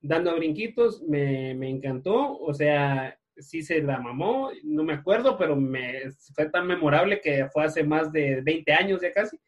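A man's voice: on the high side, animated, a little slow, hardly any pauses, muffled recording. A Guatemalan man in his thirties, co-hosting a podcast in casual chat, rambling through a story in crude slang. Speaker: podcast co-host.

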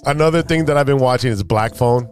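A man's voice: medium pitch, fast. A male podcast co-host with an ordinary mid-range voice, chatting easily about shows. Faint music sits behind him. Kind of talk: casual podcast banter.

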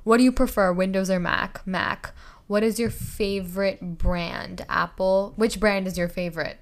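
A woman's voice: mid-range voice, fairly even intonation, a little slow. A young woman hosting a casual solo podcast, chatty and giggly, stumbling over words as she reads out questions. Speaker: podcast host.

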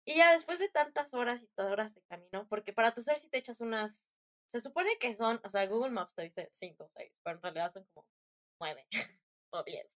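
A woman's voice: fairly high pitch, expressive, a little fast. Young woman, Mexican accent, rambling chatty storyteller, slangy fillers, slightly raised voice. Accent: Mexican Spanish. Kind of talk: casual storytelling chat.

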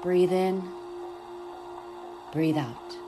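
A woman guiding a meditation in a soft, soothing manner, speaking slowly and gently. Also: fairly low pitch, over music. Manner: soft, slow, soothing delivery. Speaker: podcast host and meditation guide. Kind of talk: guided meditation.

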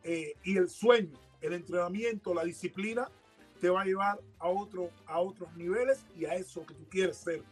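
High husky-voiced man, emphatic. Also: moderate pace, soft background music. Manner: emphatic, exhorting, repeats words for stress. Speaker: podcast co-host. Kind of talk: casual boxing chat.

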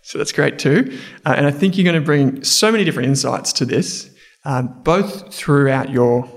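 A man's voice: fairly high pitch, moderate pace. A man hosting an investing podcast interview, talking in a casual, chatty way with restarts. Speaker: podcast host.

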